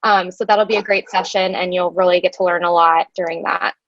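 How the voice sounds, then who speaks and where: Speaking briskly in a fairly low, fairly bright voice with fairly even intonation, a woman runs a slide-based webinar as its presenter and conference organizer. She chats with frequent ums into her computer mic, and the lo-fi call audio is dull, dry and echo-free.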